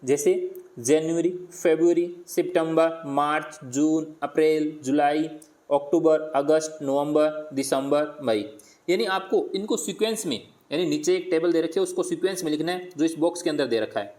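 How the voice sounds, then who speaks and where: Man teacher, slightly high voice, repeats and sounds out words. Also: darkish tone. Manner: explains slowly, repeating words and sounding them out; asks questions and answers them himself. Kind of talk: worksheet lesson for primary pupils.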